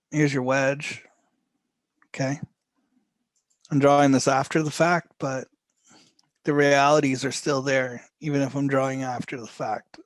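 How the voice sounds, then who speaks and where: During a live trading lesson, the instructor's mid-range voice turns hoarse and weakens over time. His slow, rambling delivery is full of restarts and throat clearing, and the audio is close and dry with no echo.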